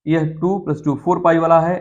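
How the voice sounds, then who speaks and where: A man's voice: a little high, level tone, normal speed, muffled recording. Coaxing man teaching chemistry. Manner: coaxing, repeats key terms, asks students questions. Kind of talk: classroom lecture.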